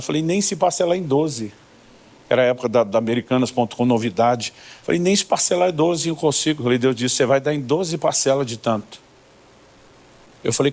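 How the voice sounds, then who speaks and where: A man's voice: medium pitch, a little mellow. A middle-aged man with a Brazilian accent, a pastor preaching a sermon through humorous personal stories, acting out both sides of conversations. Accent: Brazilian Portuguese. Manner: humorous storytelling, acting out dialogues with God and church members.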